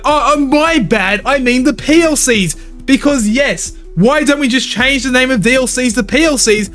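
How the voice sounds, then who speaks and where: Opinionated high-voiced male games commentator. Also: fairly bright tone. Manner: opinionated, blunt, swears casually. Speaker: gaming commentary channel host. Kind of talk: scripted video commentary.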